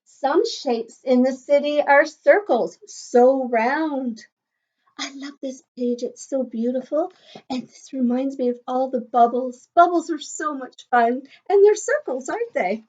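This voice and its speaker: On a somewhat dull recording, a teacher reads a picture book to young children in a high-pitched, darkish voice at a measured pace. She keeps them engaged with questions and sing-song asides.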